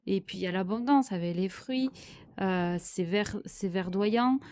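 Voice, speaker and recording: A woman's voice: mid-range voice, a little slow, a little mellow. A French-speaking woman giving a spiritual tarot reading, hesitant and searching for words with many fillers. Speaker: tarot card reader.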